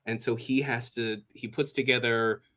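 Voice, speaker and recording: A man's voice: medium pitch, fairly even intonation, normal speed, sharp tone. A man from Washington State with an American accent, telling stories as a guest in a casual interview, full of fillers and restarts. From Washington State, USA. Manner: rambling, filler-heavy, acts out quoted speech. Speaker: sound designer guest.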